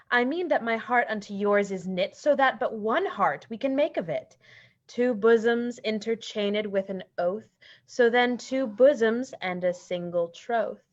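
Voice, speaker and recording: A woman playing an earnest young male lover, speaking Shakespeare's verse slowly and deliberately. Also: on the high side, lo-fi sound. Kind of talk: Shakespeare reading.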